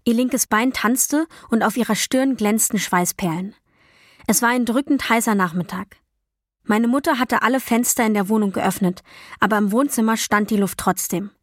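A woman reading a first-person novel as an audiobook, in a calm, even storytelling voice with quiet dialogue voices. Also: on the high side, moderate pace, no echo, clean studio sound. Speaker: audiobook narrator. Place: dry recording booth. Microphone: close studio mic.

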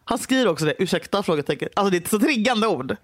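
A young adult woman co-hosting a podcast in casual chat, animated and swearing freely, laughing often. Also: mid-range voice, no room sound, studio quality. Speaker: podcast co-host.

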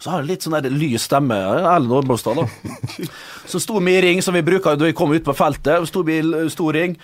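A man, a former footballer, telling rambling anecdotes on a podcast with frequent laughs. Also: on the high side.

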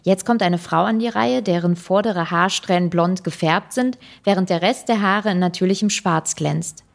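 A woman's voice: on the low side, normal speed, creaky. Woman with a dry, sardonic narration. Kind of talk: first-person audiobook narration.

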